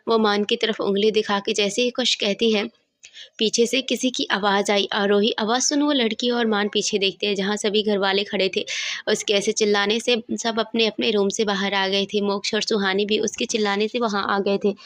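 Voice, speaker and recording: Woman, story narrator, scripted reading, mid-pitched voice, dry close sound. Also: normal speed, no echo. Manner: steady storytelling voice, reading all parts.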